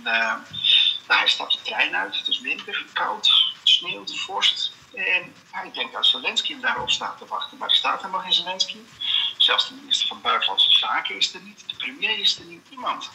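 A man on a phone call, heard through a speakerphone held to a microphone. His voice sits high and gravelly, with a very bright, sharp edge. He talks hesitantly with lots of fillers and a dry, understated delivery. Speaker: phone-in guest telling a joke. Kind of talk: casual joke-telling over the phone. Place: phone call from elsewhere, held to the studio mic.

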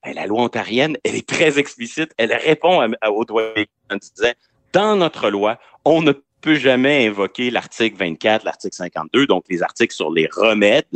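A man's voice: lowish voice, expressive, normal speed, a bit bright, no room sound. A man with a Quebec French accent giving conversational legal analysis on the radio, explaining point by point. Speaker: legal commentator, regular columnist.

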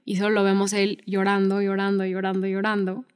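A woman's voice: medium pitch, completely flat delivery, fairly quick, smooth. A woman co-hosting a podcast, chatting casually and retelling film scenes with many fillers. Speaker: podcast co-host.

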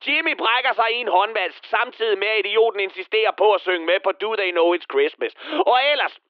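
A man's voice: high voice, dry recording, highs cut off, close to an everyday voice. A man playing a bitter, misanthropic middle-aged man, delivering a crude, sneering satirical radio monologue. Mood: sneering rant. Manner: venomous, crude, sneering rant. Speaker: comedy character.

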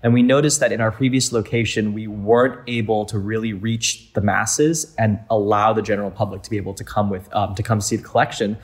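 A young man from Thailand speaks in a fairly low voice, answering interview questions. He explains things earnestly and often pauses on small fillers as he goes. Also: level tone. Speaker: museum founder, guest.

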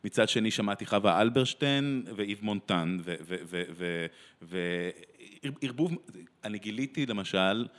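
A man's voice: on the low side, expressive. A man from Israel, a translator and theatre director, talking thoughtfully in an interview, often restarting his sentences. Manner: thoughtful, with many restarts and pauses. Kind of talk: reflective interview conversation.

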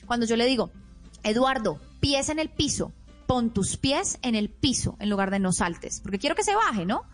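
This podcast segment features a woman parenting expert whose slightly high voice has a sing-song lilt at normal speed. She teaches as she explains, performing sample lines a parent could use, while soft music plays underneath.

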